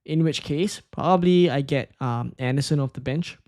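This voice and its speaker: A man's voice: on the high side, normal speed, darkish tone, no room sound, studio quality. A man from Singapore, casually talking through his picks and answering chat questions on a live stream, thinking aloud with fillers and restarts. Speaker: fantasy football streamer.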